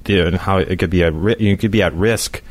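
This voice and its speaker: A man's voice: sits low, fairly quick. A man joining a podcast as guest over a remote call, teasing the host and laughing often. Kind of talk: casual podcast chat.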